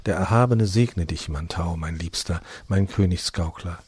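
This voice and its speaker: A man voicing a serene, divine queen of a far-off realm, speaking calmly, solemnly and tenderly in a fairy tale reading. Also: sits low, moderate pace, breathy edge, no echo, voice pushed down.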